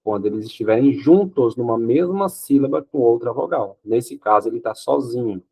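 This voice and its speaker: Husky male teacher, patient step-by-step lesson. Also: medium pitch, expressive, moderate pace, darkish tone. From Brazil. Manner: explains step by step, often checks with "ok?" and answers his own questions. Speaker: Portuguese teacher. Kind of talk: exam-prep grammar lesson.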